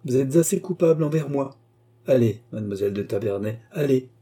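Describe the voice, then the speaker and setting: A man's voice: mid-range voice, expressive, a little fast, warm tone, slightly rough. A man reading an audiobook voices a proud, wounded queen who speaks with bitterness and reproach. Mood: reproachful.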